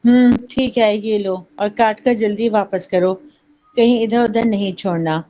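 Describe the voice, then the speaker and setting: A woman's voice: mid-range voice, steady tone, warm tone, lightly acted, rough recording. A woman voicing a fussy aunt in a children's story, stern and exacting as she keeps correcting a girl's pronunciation. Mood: grudging. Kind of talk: reading a children's story aloud.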